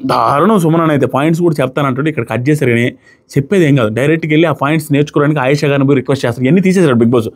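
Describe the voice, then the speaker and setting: Speaking quickly in a slightly high voice, a man gives animated, offhand reactions to a reality show and performs the contestants' quoted words.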